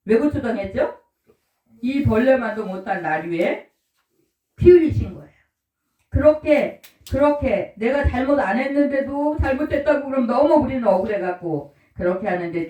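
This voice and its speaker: A fairly high-voiced woman preaching a sermon to her congregation. Her talk is homely, and she keeps asking the people questions to answer back. The sound is roomy and echoey, picked up from well away from the mic. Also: darkish tone. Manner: homely, quizzes the congregation, call-and-response. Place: church service room. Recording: roomy echo, mic from far off.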